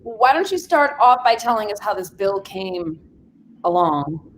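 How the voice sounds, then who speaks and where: A woman's voice: mid-range voice, sing-song, a little slow, low-quality recording. Chatty woman hosting, faint noise behind. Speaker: talk show host. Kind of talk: casual hosting of a video panel.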